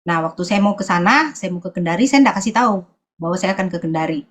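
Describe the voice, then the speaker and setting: A woman from Sulawesi giving a personal testimony at church, often pausing to search for her words. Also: on the low side, lively intonation.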